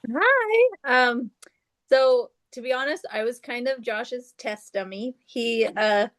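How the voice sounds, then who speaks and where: A woman's voice: on the high side, lively intonation, slow pace, a bit bright. A woman sharing her experience as a guest on a video call, upbeat and candid. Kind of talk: casual chat on a video call.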